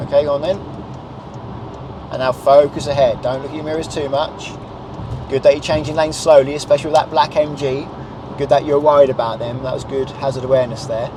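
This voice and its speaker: A man's voice: mid-range voice, level tone, a little fast. A man in his thirties with a British accent, coaching a learner driver in an instructive way with short directions and checking questions. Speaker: driving instructor. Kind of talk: coaching a learner during a lesson. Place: inside a small car. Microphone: clip-on lapel mic. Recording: road and engine noise in car.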